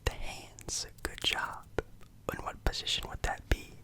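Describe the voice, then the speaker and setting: A man hosting in a whispered ASMR style, very close, as if right in the listener's ear. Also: measured pace. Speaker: ASMR video host.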